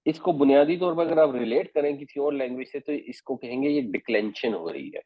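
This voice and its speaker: A man's voice: medium pitch, lively intonation, no room sound. A man giving a Quran commentary and Arabic grammar lesson, explaining patiently and mixing English terms into his Urdu. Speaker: Quran teacher. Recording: dry, phone-like narrow sound.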